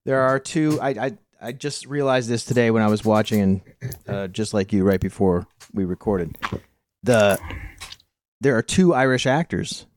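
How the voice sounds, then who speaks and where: An American man hosting a casual movie-review podcast, chatty and quick to laugh, often restarting his sentences. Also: fairly low pitch, darkish tone, a little hiss or hum. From United States. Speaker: podcast host.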